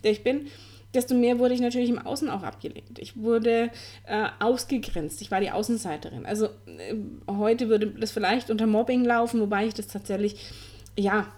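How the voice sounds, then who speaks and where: A woman's voice: on the high side, moderate pace, mellow. A woman in her forties hosting a podcast, telling her personal story in an earnest, candid way, with many fillers and restarts. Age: 40s. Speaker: podcast host.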